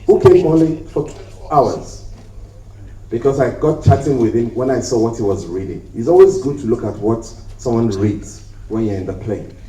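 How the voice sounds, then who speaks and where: A warm, medium-pitched male voice delivers a conference talk in an echoey hotel hall, with a little hiss or hum audible. He tells joking stories and acts out the people in them. He holds the mic at first, then sets it down and ends up far from it.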